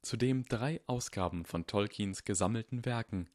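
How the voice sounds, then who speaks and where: A man voicing an eccentric, kindly old wizard headmaster, speaking softly and unhurriedly. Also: lowish voice, no echo, studio quality, natural voice. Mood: wry. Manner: soft, unhurried and gently whimsical. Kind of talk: audiobook character voice.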